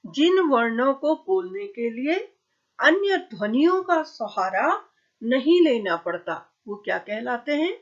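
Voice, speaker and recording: A woman teaching a grammar lesson at a slow, deliberate pace, in a somewhat high voice. She asks questions and answers them herself, and the recording sounds dull and lo-fi. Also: sing-song. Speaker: school teacher.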